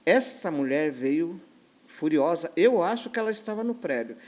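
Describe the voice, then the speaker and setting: Brazilian woman lawyer, podcast guest, vivid storyteller, very expressive pitch. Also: normal speed. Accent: Brazilian Portuguese. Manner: animated storyteller acting out dialogue.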